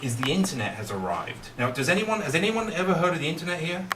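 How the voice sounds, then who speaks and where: A man's voice: fairly high pitch, very animated, fast talker. A middle-aged man performing as a kids' party magician, with playful patter that coaxes the young audience along with questions. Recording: roomy, distant mic, faint noise.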